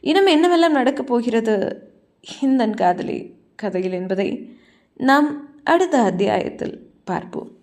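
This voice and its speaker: A woman's voice: on the high side, a little slow, pauses often. Woman narrating an audio novel. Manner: steady, storytelling. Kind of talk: scripted story narration.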